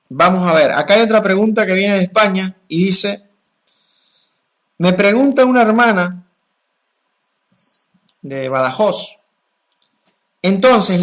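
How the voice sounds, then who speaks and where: A man, a spiritual teacher answering questions in a calm, explanatory way and chanting mantras with drawn-out vowels. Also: high-pitched. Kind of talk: gnostic teaching talk.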